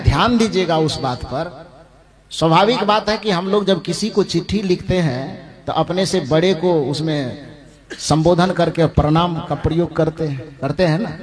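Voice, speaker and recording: A male preacher giving a devotional discourse. He poses rhetorical questions, answers them himself, slows down to stress names, and chuckles often while speaking. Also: on the high side. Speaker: religious preacher.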